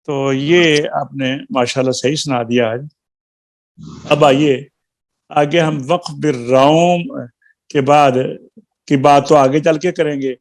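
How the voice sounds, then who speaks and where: A man teaching a live Quran recitation class, explaining step by step with patient, drawn-out syllables and gentle teasing. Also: fairly high pitch, fairly even intonation.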